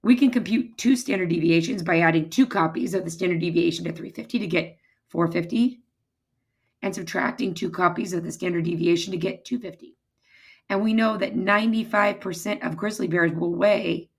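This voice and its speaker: A woman with a hoarse, raspy voice that is giving out, explaining step by step as a math teacher in an informal recorded lecture. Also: on the low side, fairly even intonation, moderate pace. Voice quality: husky, raspy, strained voice. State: hoarse, losing her voice, throat-clearing.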